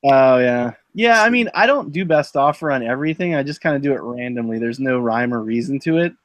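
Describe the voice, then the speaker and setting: A man's voice: mid-range voice, expressive, fairly quick, no room sound. A man in his thirties hosting a live online selling stream, chatting casually and rambling through a long childhood story with lots of fillers and restarts. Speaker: host of a live eBay listing stream.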